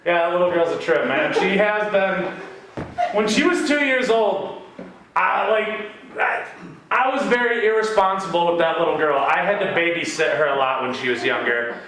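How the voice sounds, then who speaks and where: A man's voice: high voice, lively intonation, moderate pace, a bit bright. A man performing a stand-up comedy set with crude, profane storytelling in an acting studio. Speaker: stand-up comic. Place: acting studio, in front of a small audience. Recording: echoey room from a distant camera, noisy.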